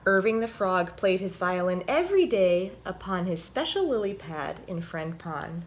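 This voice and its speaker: This woman's voice is fairly low and moves at a normal speed as she introduces and reads a children's story. She tells it clearly and with plenty of expression.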